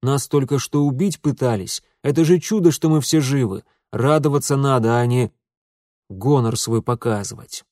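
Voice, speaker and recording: A man voicing a gruff, hot-tempered middle-aged father who is a police chief, grumbling and barking. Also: medium pitch, moderate pace, darkish tone, no echo, studio quality, close to an everyday voice. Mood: scolding.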